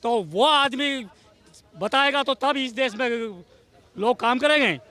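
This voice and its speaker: A man's voice: extremely high pitch, slow, pushed and bright. A man in a street interview outdoors, declaiming like a speech and making accusations. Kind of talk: heated street vox pop.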